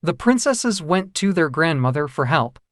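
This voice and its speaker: A children's fairy tale is read aloud from a script by a storyteller whose mid-range voice moves expressively up and down. The pace is normal. The sound is dry, with no room sound around it.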